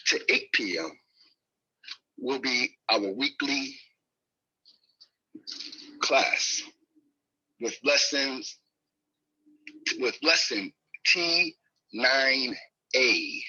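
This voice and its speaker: A man's voice: mid-range voice, lively intonation, extremely slow, long pauses, bright, forceful tone, breathy edge. A man running a radio net over two-way radio. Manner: formal radio procedure, spells letters phonetically. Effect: heard over a two-way radio link. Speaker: net control operator. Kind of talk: radio net control procedure. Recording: lo-fi radio audio.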